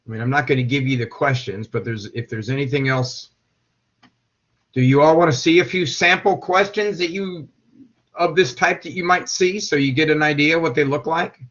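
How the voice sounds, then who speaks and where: A man's voice: fairly high pitch, unhurried, pauses often, a bit bright. A man teaching a class, rambling with many repeated words and checking whether his students follow. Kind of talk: classroom lecture. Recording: dull lo-fi classroom recording.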